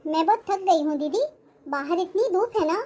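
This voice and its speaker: An actress playing a lazy, sly young sister-in-law who sweet-talks and makes excuses, in a family drama. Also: female voice, extremely high pitch, lively intonation, normal speed, warm tone. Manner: sweet-talking, making excuses. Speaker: actor.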